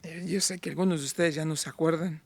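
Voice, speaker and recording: A man in his fifties preaching a sermon in church, moving between fervent raised passages and hushed near-whispers. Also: on the high side, steady tone, fast talker, gravelly. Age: 50s. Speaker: pastor.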